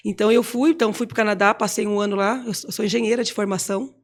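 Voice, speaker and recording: A woman's voice: mid-range voice, fairly even intonation, very fast. A Brazilian woman in her forties, a guest on an interview show, talking casually and rambling with many fillers.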